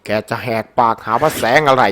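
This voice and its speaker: A man giving excited let's-play commentary over a game, animated and playful, with frequent shouted exclamations and crude slang. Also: a little fast. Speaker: gameplay commentator. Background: faint game music.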